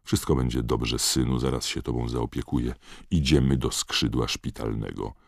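A man voicing a big, strong man who gruffly reassures and hurries a boy along. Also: a bass voice, fairly even intonation, moderate pace, dry recording, studio quality, heavily acted. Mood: urging.

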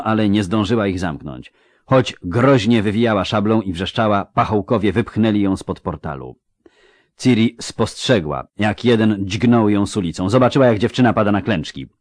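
Male narrator, deep, dramatic audiobook read, dry booth. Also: no echo. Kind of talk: scripted narration.

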